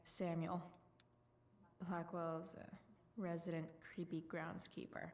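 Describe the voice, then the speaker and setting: A woman's voice: on the low side, completely flat delivery, takes it slowly, vocal fry, darkish tone, slight background noise. A woman voicing a sardonic, guarded teenage rebel in a video game, with a dry, casual, hesitant delivery.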